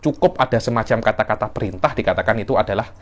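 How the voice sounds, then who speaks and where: A man's voice: on the low side, rapid-fire. Man teaching a text. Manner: explains in a mix of Malay and Arabic terms, with acted examples. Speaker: teacher of Islamic legal theory. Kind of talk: classroom text lesson.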